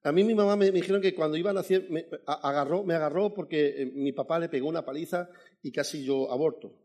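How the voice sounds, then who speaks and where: A man preaching as a guest in a church, telling his testimony in an animated way and calling out "amen" to the congregation. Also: on the high side, quick pace. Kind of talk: sermon with personal testimony.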